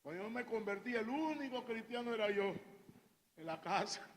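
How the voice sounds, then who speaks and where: Fiery high-voiced preacher in a hall. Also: male voice, animated, moderate pace. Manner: fiery preaching, shouts out quoted cries; often calls the listeners "hermano". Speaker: pastor. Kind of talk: sermon. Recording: reverberant church hall.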